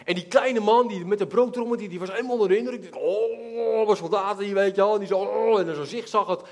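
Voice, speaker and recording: A man preaching a sermon, telling a Bible story in a lively way, acting out the characters and laughing now and then. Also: high voice, quick pace. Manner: animated, acts out characters, laughs while telling.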